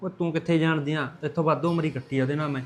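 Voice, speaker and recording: A man's voice: fairly high pitch, steady tone, rapid-fire, soft background music, lightly acted. A man playing an angry brother fretting over his missing sister, in an irritable, brooding way.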